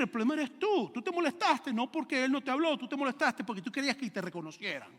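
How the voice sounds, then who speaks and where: A middle-aged male pastor preaching a sermon, animated, asking his listeners rhetorical questions and acting out stories. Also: very high voice, long reverb tail. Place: church sanctuary.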